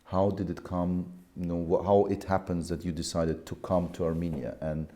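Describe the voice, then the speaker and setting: Brief: male show host, low mellow voice, loose wandering questions. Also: flat delivery, moderate pace. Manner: rambling, many fillers, searching for words. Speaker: interview host. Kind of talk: interview questions.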